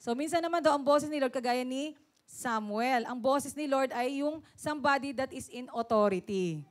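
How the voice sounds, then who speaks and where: Animated woman preaching. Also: sits high, moderate pace. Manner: animated, laughing, calls for "Amen?" often; switches between Tagalog and English. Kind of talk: sermon.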